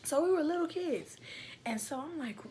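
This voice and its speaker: A young woman tells a story to camera, with a fairly high voice. She acts out the voices and slips into whispered asides. A faint hiss sits under her speech. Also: expressive, moderate pace, mellow. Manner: dramatic retelling with acted-out voices and frequent whispered asides. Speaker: vlogger. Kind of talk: animated storytelling.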